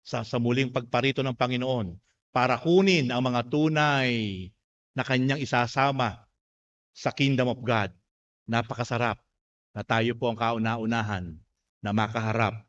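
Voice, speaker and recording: A male pastor with a Filipino accent preaching a sermon, dropping to a hush and then climbing to loud emphasis, with rhetorical questions to the congregation. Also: medium pitch. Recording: dull lo-fi sound.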